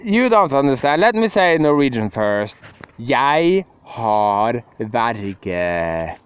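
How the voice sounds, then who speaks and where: A man's voice: mid-range voice, sing-song, takes it slowly, clear, resonant tone. A young man rambling emotionally to the camera in a casual monologue, breaking into laughs and sudden outbursts. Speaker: vlogger.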